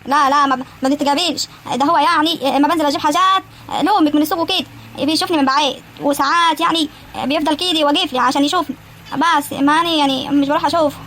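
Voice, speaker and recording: A woman's voice: high voice, fairly even intonation, very fast, a bit bright, slight background noise. A woman with an Egyptian accent voicing a shy, frightened young village girl in a cartoon, hesitant and pleading. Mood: confessing. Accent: Egyptian Arabic. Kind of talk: animated cartoon acting.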